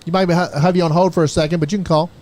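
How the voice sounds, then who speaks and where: A man's voice: a little high, fairly even intonation, very fast, darkish tone. A man hosting a talk show in a casual, folksy, informal way. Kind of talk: casual chat.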